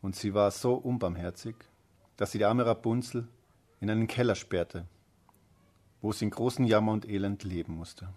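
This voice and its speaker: A man narrating a fairy tale in a calm, steady storytelling manner, with a husky voice. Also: on the low side, moderate pace.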